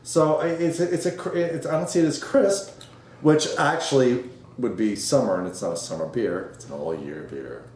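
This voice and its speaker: A man co-hosting a casual beer review, giving blunt, halting tasting remarks. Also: mid-range voice, a little mellow, echoey room, slight background noise. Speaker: beer review podcast co-host. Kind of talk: casual chat.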